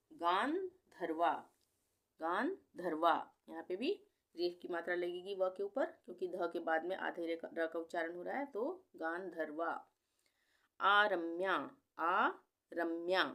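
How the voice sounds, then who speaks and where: A woman teaching Hindi spelling on a video channel, patiently repeating each name slowly, syllable by syllable, with a few English words mixed in. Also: fairly low pitch, sharp tone.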